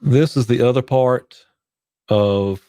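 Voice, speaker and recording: Sick and coughing, a church tech livestream host runs a casual live Q&A from his home studio, rambling as he clicks through his gear. He takes it slowly in a warm tone on a boom-arm condenser mic, with no room sound and a heater running behind him.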